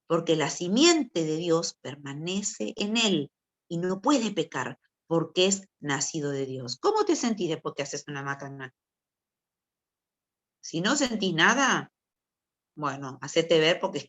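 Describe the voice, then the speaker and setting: A woman's voice: on the low side, a bit bright. A woman with a Rioplatense Spanish accent, teaching a youth group from the Bible in a chatty way, often asking her listeners questions and acting out people's excuses. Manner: conversational, asks listeners questions, acts out excuses.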